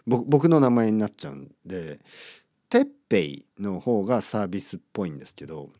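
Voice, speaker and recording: A man's voice: on the low side, big pitch swings, brisk, creaky, mellow, no room sound, studio quality. A middle-aged man talking casually in a playful, amused monologue. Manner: chatty, playful, amused asides.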